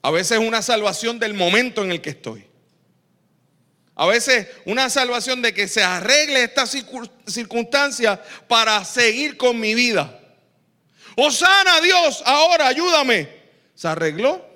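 A man preaching with a bright, high voice that swings widely in pitch. He talks slowly, then bursts into crowd shouts. Long reverb from a church hall trails behind him. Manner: animated storytelling, acts out crowd shouts. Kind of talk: sermon.

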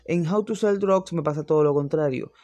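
A man's voice: on the high side, a little fast, dark tone. A young man, reviewing series in casual, opinionated chat that rambles and restarts often.

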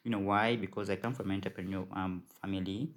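Casting: male, Ugandan accent, low voice with little melodic movement, formal, thorough self-introduction. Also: fairly even intonation, quick pace. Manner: formal, detailed. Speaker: podcast team lead.

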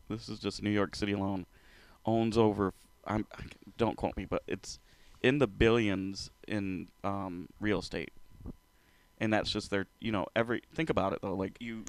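Joking short man, low smooth voice. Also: no echo. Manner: jokey, laughs often. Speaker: podcast co-host. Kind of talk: casual chat.

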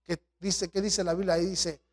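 Man, pastor, high voice, lively sermon delivery. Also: moderate pace. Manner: animated preaching, swings from loud exhortation to quiet asides, acts out quoted voices.

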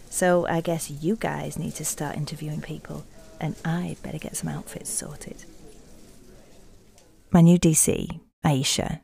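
A woman's voice: deep voice, gravelly, mellow. A woman with a Yorkshire accent narrating a detective audio drama in a dry, self-mocking way.

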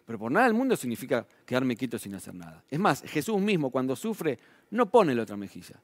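A man's voice: mid-range voice, big pitch swings, a little fast, no room sound. A man preaching a sermon in a Rioplatense Spanish accent, talking in a conversational way with frequent tag questions and his voice rising and falling for emphasis. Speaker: pastor.

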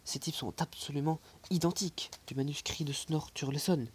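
A man's voice: fairly high pitch, moderate pace, husky. A man voicing an irascible old professor. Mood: puzzled. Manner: explosive, shouting outbursts. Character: irascible elderly male professor. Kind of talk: audiobook character voice.

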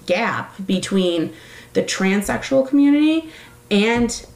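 A woman's voice: medium pitch, lively intonation, slow pace, vocal fry, a little mellow, reverberant, low-quality recording. A woman talking casually, rambling with many fillers and correcting herself as she goes. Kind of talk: casual chat.

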